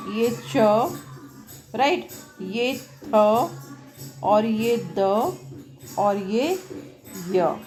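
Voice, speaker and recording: Slow, loud woman teacher over background music. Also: on the high side. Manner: talks loudly over outside noise; keeps checking with the class, asking "right?". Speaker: English teacher. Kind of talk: classroom lesson at a board, Hindi mixed with English. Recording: loud music and noise from a nearby event behind her. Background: music from a nearby program.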